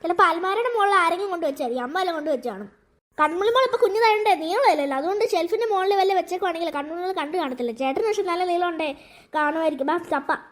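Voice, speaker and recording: A squeaky cartoon big brother, played by a performer, rattling words out very fast as he coaxes his little sister. The voice is high and bright. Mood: coaxing. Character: caring older brother, a boy. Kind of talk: cartoon voice acting.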